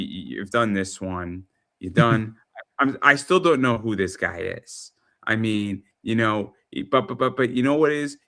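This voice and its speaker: A man in his thirties hosting a casual interview, who often repeats words in quick, excited bursts. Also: lowish voice. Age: 30s. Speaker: host.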